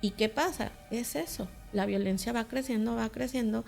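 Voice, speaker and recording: A woman's voice: a little high, moderate pace, creaky, a little mellow, faint music behind. A woman, a teacher, explaining ideas carefully in a casual talk-show conversation. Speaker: teacher and co-host.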